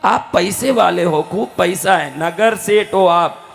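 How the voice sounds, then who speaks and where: A man voicing a rich merchant's wife who scolds her husband and hungers for fame, in a shrill, mocking way during a live religious story sermon. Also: takes it slowly, gravelly, soft background music, exaggerated voice. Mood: coaxing, scornful. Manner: shrill and mocking, shouting in repeats.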